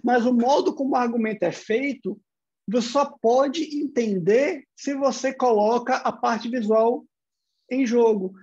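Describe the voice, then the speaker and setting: Brazilian lecturer explaining with rhetorical questions. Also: male voice, extremely high pitch, a little slow, darkish tone, highs cut off. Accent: Brazilian Portuguese. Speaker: university lecturer. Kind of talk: online lecture.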